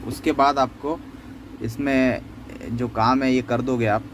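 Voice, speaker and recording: A phone repair tutorial host walks through an unscripted, step-by-step repair, explaining things conversationally and repeating himself often. His mid-range voice is steady and unhurried, set against a noisy background.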